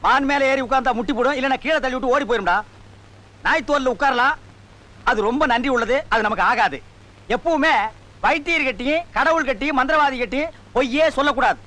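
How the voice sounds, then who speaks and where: An actor playing a blustering village sorcerer who scolds and shouts insults, in a film comedy. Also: male voice, extremely high pitch, a little fast, low-quality recording. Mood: mocking. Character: blustering bossy male village sorcerer-priest.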